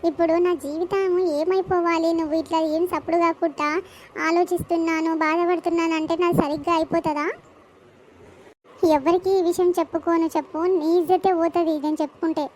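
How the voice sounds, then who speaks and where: A woman's voice: extremely high pitch, fairly even intonation, brisk, a little mellow, slight background noise. Woman playing a wronged young village woman, Telangana accent. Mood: upset. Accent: Telangana Telugu. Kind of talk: village comedy skit acting.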